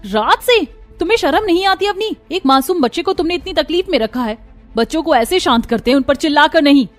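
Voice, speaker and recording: एक महिला एक कार्टून कहानी में एक दयालु, परवाह करने वाली युवा माँ की आवाज़ दे रही है, सच्चे और कोमल अंदाज़ में।. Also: female voice, fairly high pitch, fairly quick, natural voice. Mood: scolding. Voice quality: gentle, earnest. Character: kind caring young wife and mother. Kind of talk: Hindi cartoon voice acting. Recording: light music behind voice.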